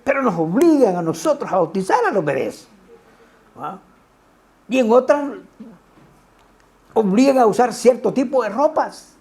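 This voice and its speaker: In a lively sermon, this pastor's pitch rises and falls sharply between lines. His dark, mellow tone carries frequent quick rhetorical asides aimed at the congregation.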